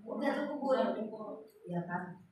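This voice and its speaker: A woman giving an informal religious study talk, telling stories lively and acting out dialogue. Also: fairly high pitch, takes it slowly. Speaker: religious teacher. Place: mosque gathering. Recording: echoey room, mic far off, noisy.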